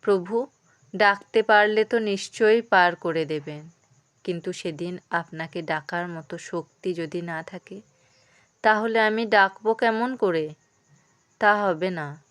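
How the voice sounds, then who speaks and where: A woman voicing a humble, devoted male boatman who pleads with his lord in a slow, smooth voice. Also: medium pitch, fairly bright tone, dry recording. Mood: pleading. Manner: pleading, devout.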